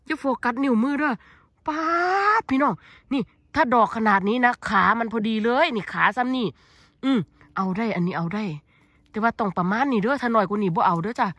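A woman with an Isan accent, vlogging excitedly while foraging outdoors in a forest, full of exclamations. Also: a little high, a little fast, dry recording. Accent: Isan (Northeast Thai). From Thailand. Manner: exclamatory, excitable, lots of cries of delight. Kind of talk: excited foraging vlog chat.

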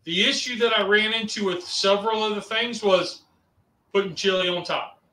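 A man's voice: sits high, moderate pace, pushed and bright, reverberant, low-quality recording. A man on a landline phone, co-hosting a live cooking stream in easygoing, rambling chat. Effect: over a landline phone.

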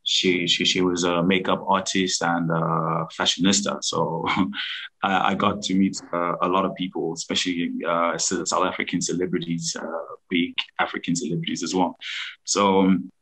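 A man in his thirties from Zimbabwe, a business founder telling his story over a video call in a halting, restarting way. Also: low voice, flat delivery, fairly bright tone, rough recording. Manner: halting, many restarts and fillers. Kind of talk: casual interview storytelling. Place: room at home, indoors.

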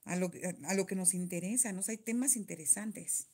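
A woman's voice: lowish voice, brisk, dark tone, husky. Chatty Mexican woman venting to viewers. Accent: Mexican Spanish. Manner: chatty, venting, reads viewer comments aloud. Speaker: nail vlogger reading live chat. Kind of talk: casual live chat.

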